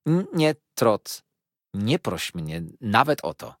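A stern but kindly old aunt, voiced by a male reader, measured and gently firm as she counsels her nephew. The voice is husky with a dry, close sound, and its pitch moves a lot, as in a read-aloud storybook. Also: wildly swooping pitch, no room sound, exaggerated voice. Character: older aunt, stern yet kindly, eccentric. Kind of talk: audiobook character voice.

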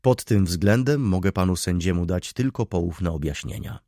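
Male reader as smug student lodger: syrupy politeness, low and animated, dry close mic. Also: normal speed, dry recording. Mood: mock-polite. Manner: sugary, mock-courteous. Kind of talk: audiobook reading.

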